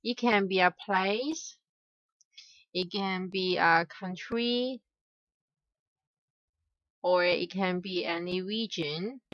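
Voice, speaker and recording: A young woman teacher from Hong Kong, Cantonese being her first language, explains grammar slowly and hesitantly, with many "uh"s and careful repetition of examples. Her fairly low voice has a bright tone, and the recording is dry, dull and slightly lo-fi with no echo.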